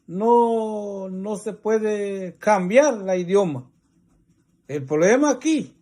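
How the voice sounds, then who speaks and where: A man with a Mexican Spanish accent, preaching a religious teaching in slow, deliberate, repetitive phrases. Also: very high voice, darkish tone.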